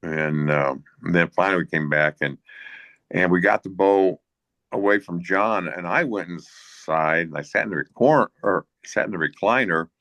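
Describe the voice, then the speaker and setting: A deep-voiced man, a hunting guide and bush pilot appearing as a guest, tells a rambling anecdote during a casual Q&A. His tone is fairly bright with no echo, and his delivery is halting, with frequent restarts and chuckles.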